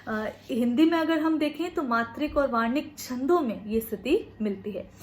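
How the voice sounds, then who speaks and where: A woman college lecturer giving an explanatory phonetics lesson in speech, with frequent pauses and fillers. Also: high voice.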